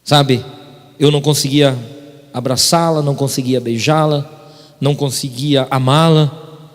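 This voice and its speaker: A man's voice: mid-range voice, steady tone, measured pace. A male pastor preaching an emphatic testimony sermon, often turning to address the congregation. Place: church sanctuary. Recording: reverberant church hall.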